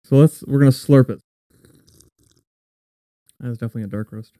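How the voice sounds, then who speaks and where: A man's voice: medium pitch, brisk, dark tone, no echo. A young man hosting a podcast, chatting easily and describing flavors in an easygoing way. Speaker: podcast host. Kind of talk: casual tasting chat and scripted intro.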